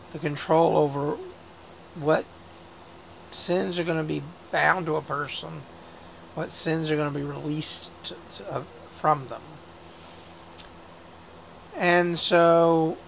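Guy with a cold hosting a church talk show, raspy and gravelly, kinda high voice, easygoing with lots of ums. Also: a little hiss or hum. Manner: relaxed, conversational, with frequent fillers. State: hoarse from a cold. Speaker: bishop and show host. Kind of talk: casual religious talk show.

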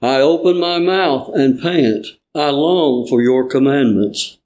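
A man reading scripture in church, formally, with measured and earnest phrasing. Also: medium pitch, darkish tone, rough recording.

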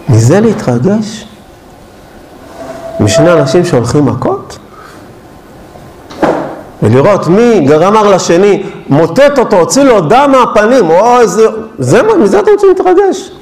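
Impassioned high-voiced male preacher. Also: darkish tone, echoey room, slight background noise, poor audio. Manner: impassioned, full of rhetorical questions. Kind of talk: Hanukkah sermon.

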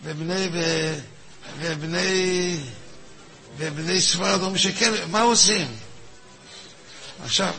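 Animated man with a bright, gravelly voice. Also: high-pitched, long pauses, slight background noise. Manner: animated, acts out both sides of a halachic dispute; repeats words, asks the audience questions. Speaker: rabbi teaching a weekly class. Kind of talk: lively Torah lesson with a class.

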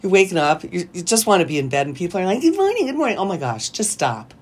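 A woman co-hosting casual radio banter, wry and grumbling, mocking greetings in a high put-on voice. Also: lively intonation, fast, breathy edge. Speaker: radio co-host.

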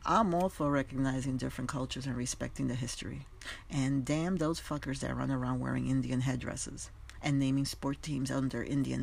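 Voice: medium pitch, vocal fry, a little hiss or hum. A podcast host, speaking emphatically and conversationally in an opinionated monologue straight to listeners. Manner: emphatic, conversational, addresses listeners directly, casual swearing.

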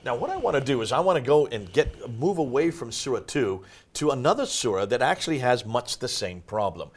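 A man hosts a discussion and explains texts point by point. His pitch swings widely as he stresses each point, and his delivery is emphatic and teacher-like. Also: animated, brisk. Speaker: host.

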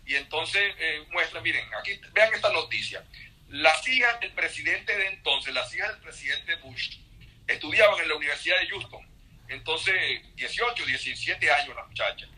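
A man's voice: fairly high pitch, normal speed, rough recording. A man, a guest in an interview, telling stories with animation and acting out the quotes. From Venezuela. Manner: animated storyteller, acts out quotes. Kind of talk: conversational interview.

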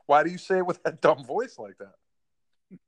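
A man's voice: fairly high pitch, animated, a little slow, no echo. A man co-hosting a casual chat, mocking and incredulous as he needles his friend. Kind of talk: casual banter.

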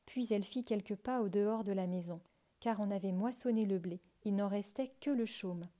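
A woman reading a fairy tale aloud in a calm, measured storytelling manner. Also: mid-range voice.

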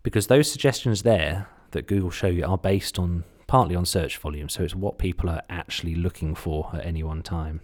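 A man's voice: low voice, brisk, few pauses, darkish tone. A man with a slight Suffolk English accent giving a casual instructional podcast talk, chatty and full of self-deprecating asides. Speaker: podcast host, content marketer.

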